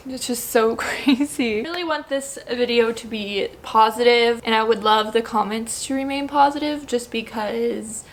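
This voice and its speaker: A young woman in her twenties chatting casually to her vlog audience, emotional and teary, gushing with excitement and sniffling from crying. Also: a little high, unhurried. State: tearful, sniffly. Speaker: vlogger. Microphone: camera mic with ring light.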